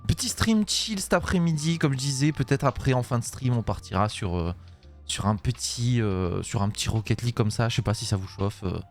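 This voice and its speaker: Hoarse streamer guy rambling away, lots of euh, swears at his software, voice all over the place. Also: mid-range voice, expressive, a little fast, soft background music. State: hoarse, voice worn out. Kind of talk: casual live-stream chat.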